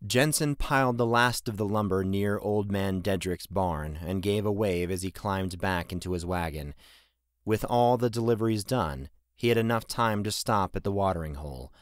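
A man reading fantasy audiobook narration in a measured, even way. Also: fairly low pitch, no echo, clean studio sound. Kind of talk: scripted narration.

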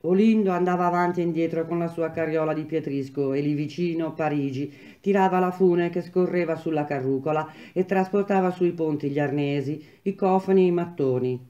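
A woman reading a novel aloud in a measured, even storytelling manner. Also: low-pitched, muffled recording. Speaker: reader of a novel.

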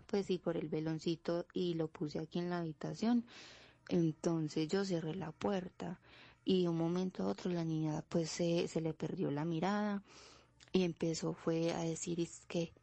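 A woman's voice: fairly low pitch, fairly even intonation, unhurried, mellow, dry recording. A woman telling a personal paranormal story in a casual way, with many "pues" fillers. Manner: plain storytelling, fills with "pues".

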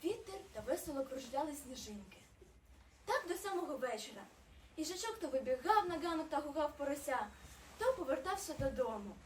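Brief: woman narrator for a children's storybook, very high voice, expressive, roomy distant recording. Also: fairly quick, a little hiss or hum. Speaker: actor reading a fairy tale. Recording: roomy, distant mic, faint ambience.

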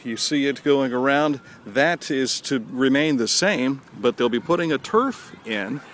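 A local tour guide leads a walking tour of an outdoor high school stadium, chatty and folksy with plenty of hometown pride. His mid-range voice is expressive, unhurried and fairly bright. It's filmed on a handheld camera held at arm's length, with a little hiss or hum.

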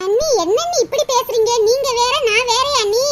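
For a Tamil cartoon dub, a female voice actor plays a generous young girl in a very high, fairly quick voice, chirpy, giggly, and pleading. Loud hiss sits in the background of the recording.

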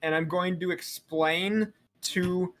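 A fairly high-voiced man hosts a casual gaming stream, teasing and joking with his friends. His voice comes through a home mic with a faint hiss behind it. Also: fairly even intonation, takes it slowly, a bit bright. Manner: teasing, playful. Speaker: streamer hosting a group game.

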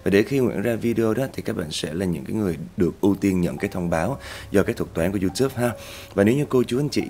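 Guy narrating creepy tales, real low voice, chats right at you. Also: a little mellow, slight background noise. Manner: chatty, addresses listeners as "các bạn", rises in pitch at tense moments. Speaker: storyteller host. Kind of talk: spoken ghost story narration.

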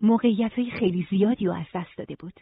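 An audiobook narrator reading a novel in an even, steady storytelling manner. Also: mid-range voice, gravelly, husky, no echo. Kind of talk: scripted narration. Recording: tinny phone-like sound.

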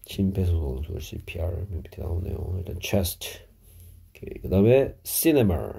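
A middle-aged man teaching English vocabulary, explaining each word slowly with Korean glosses. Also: deep voice, sing-song, creaky, mellow, slightly rough. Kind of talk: vocabulary lesson.

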